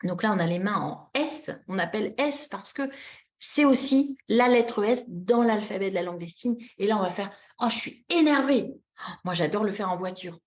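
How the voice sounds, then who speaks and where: A woman leading a live teaching demonstration on a video call, animated and demonstrative, repeating key words and acting out short example phrases with expressive intonation. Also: medium pitch, normal speed. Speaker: webinar trainer teaching baby signs. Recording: dull lo-fi webinar audio.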